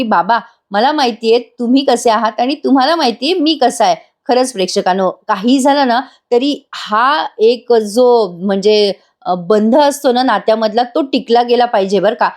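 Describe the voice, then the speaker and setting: Brief: chatty woman narrator recapping a TV serial, fairly high voice. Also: a little mellow. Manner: chatty, addressing viewers directly. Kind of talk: voice-over episode recap.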